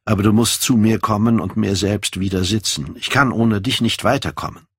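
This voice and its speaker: A man reading an audiobook, voicing an earnest, devoted middle-aged painter who gently insists. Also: lowish voice, moderate pace, slightly rough, dry recording, clean studio sound.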